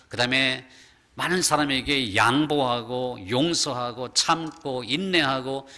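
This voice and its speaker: A man preaching a sermon as pastor, emphatic and exhorting, who drops to a hushed, slower voice when he quotes scripture. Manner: emphatic preaching, lowers voice to a hush when quoting God.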